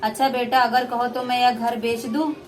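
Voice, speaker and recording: A poor, worried older father, voiced by a young woman speaks with anxious tenderness in a homemade puppet play. The voice stays fairly high. A faint hiss sits behind it. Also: level tone, moderate pace, lightly acted.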